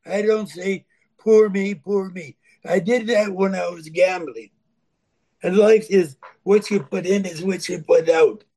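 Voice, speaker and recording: A man in his eighties sharing his recovery story, speaking plainly and earnestly, repeating himself for emphasis. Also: sits high. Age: 80s. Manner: plain-spoken, swings between loud and soft. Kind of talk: personal testimony.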